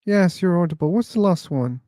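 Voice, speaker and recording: A man with a high, mellow, animated voice hosts an online discussion livestream, chatting casually while he waits for callers. He speaks slowly and musingly, thinking aloud, and the recording is dry.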